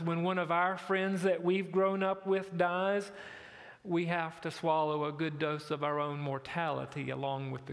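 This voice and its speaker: Male pastor, high-pitched, unhurried sermon delivery, echoey church sound. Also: gravelly. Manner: storytelling preacher, building to emphatic questions. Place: church sanctuary.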